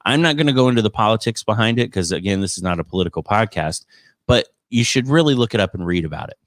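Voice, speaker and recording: He speaks fast at a fairly low pitch, and his delivery is expressive. As a teacher hosting a podcast, he comments casually and live on education news in an exasperated, sarcastic way. Studio-quality audio, no room sound.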